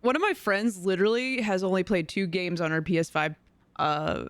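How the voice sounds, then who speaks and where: A relaxed, agreeable panelist in a casual chat. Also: mid-range voice, moderate pace, clear, resonant tone, dry recording.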